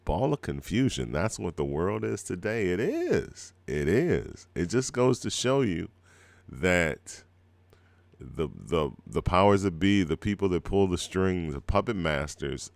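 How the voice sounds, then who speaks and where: This middle-aged music show host talks in a casual, rambling way while his throat is scratchy from a cold. His low voice has a sing-song lilt and vocal fry, at a measured pace, on a dry recording.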